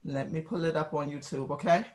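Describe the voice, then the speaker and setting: Presenter chatting loose and informal over a video call, mid pitch. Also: a little fast. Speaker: workshop presenter. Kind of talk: casual talk on a video call.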